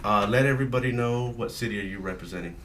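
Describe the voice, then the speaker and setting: A man's voice: mid-range voice, fast talker, noisy background. A man hosting a podcast, chatting casually with a guest and backing him up with easygoing short reactions. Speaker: podcast host. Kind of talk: casual interview chat.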